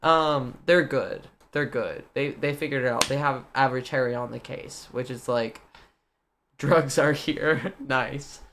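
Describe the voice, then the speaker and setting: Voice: medium pitch, normal speed, few pauses, fairly bright tone, slight background noise. A young adult content creator from the US Midwest, chatting casually on a livestream in a playful, joking manner and talking to the chat. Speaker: guest content creator and streamer.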